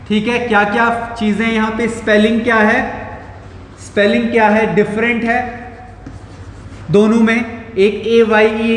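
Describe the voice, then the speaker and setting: Man, teacher, high voice, slow careful explaining, echoey room with long reverb. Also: fairly bright tone. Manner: slow, repeats and spells out words. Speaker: school English teacher. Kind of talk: classroom grammar lesson. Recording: roomy echo with long reverb.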